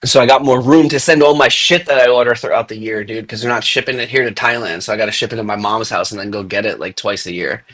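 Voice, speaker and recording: A man's voice: fairly low pitch, quick pace, few pauses, a bit bright. A young man hosting a casual crypto chat, laid-back and filling his talk with "dude" and "like". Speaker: podcast host.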